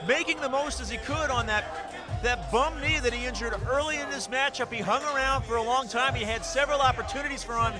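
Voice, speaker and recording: A man calling live play-by-play as a wrestling commentator, with excitable, exclamatory delivery. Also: extremely high pitch, fairly quick. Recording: loud event crowd and music behind. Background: crowd and music.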